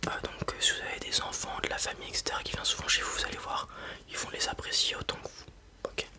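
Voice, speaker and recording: In an ASMR roleplay, a performer plays a comforting fantasy dragon breeder, talking quickly in a bright, forceful tone. The breathy whisper explains things casually with little hesitations, sounding friendly and persuasive.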